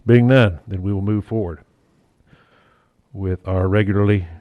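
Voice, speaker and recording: Mayor guy talking through a mask, muffled, lowish voice, lots of uh's, dull dry audio. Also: fairly even intonation, no echo. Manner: halting, with fillers and restarts, lightly joking. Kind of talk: chairing a city council meeting.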